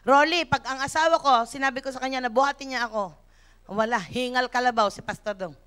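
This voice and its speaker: A Filipino woman pastor in her fifties delivers a sermon in church. Her voice sits very high and sounds bright and forceful. She tells stories in an animated way and slips English phrases into her preaching. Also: a little fast, clear, resonant tone. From Philippines.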